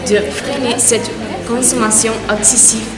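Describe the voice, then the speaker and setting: A woman's voice: on the high side, fairly even intonation, measured pace, a loud crowd. Woman anchor, formal read, distant in a reverberant hall, heavy music bed. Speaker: news anchor. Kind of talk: read news introduction.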